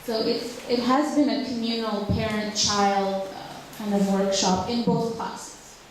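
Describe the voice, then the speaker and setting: Speaking at a measured pace with fairly even intonation, this Ukrainian woman has a voice on the high side, over slight background noise. A drawing teacher, she answers questions from the audience at a public talk, faltering with lots of fillers and false starts. She's distant from the mic in an echoey hall.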